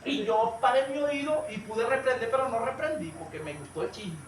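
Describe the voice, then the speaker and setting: A man preaching a sermon, telling a story and addressing listeners as brother, sometimes rising to a shout. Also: very high-pitched, lively intonation, normal speed. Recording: echoey room, far from the mic, light noise.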